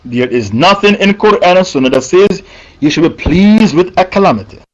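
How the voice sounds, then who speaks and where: A man delivers a sermon in a high voice, stressing and repeating his key points. The recording is dull and lo-fi. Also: lively intonation, moderate pace. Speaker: preacher.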